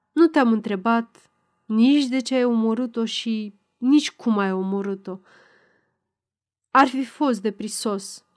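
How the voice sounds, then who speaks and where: A grave, commanding old father speaks in a measured, clipped voice from an audiobook, read by a woman. His words come slow and firm, with a grating edge when he turns scornful. Her voice sits somewhat high. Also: close to an everyday voice. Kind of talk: audiobook reading.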